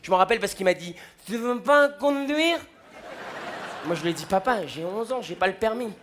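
A man's voice: high-pitched, racing, a little hiss or hum. A young man doing a stand-up routine on a festival stage, acting out the people in his stories in quoted voices. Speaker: stand-up comedian. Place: large comedy festival stage. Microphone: stage microphone.

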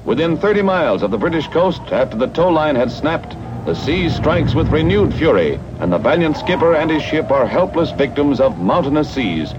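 Booming old newsreel announcer, man. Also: sing-song, moderate pace, background noise. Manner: booming, declamatory delivery. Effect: old newsreel recording. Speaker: newsreel narrator. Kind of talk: dramatic 1950s newsreel narration. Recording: muffled old newsreel soundtrack with music.

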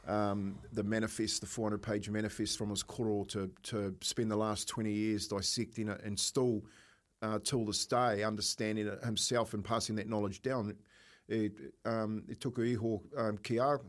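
A man with a broad New Zealand accent co-hosting talk radio in a halting, wordy, earnest way. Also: on the low side. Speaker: radio co-host. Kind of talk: conversational radio commentary.

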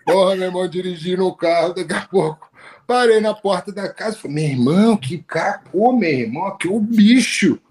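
High-voiced slangy man. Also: brisk, darkish tone. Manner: slangy, swearing, laughing storyteller. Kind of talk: casual chat.

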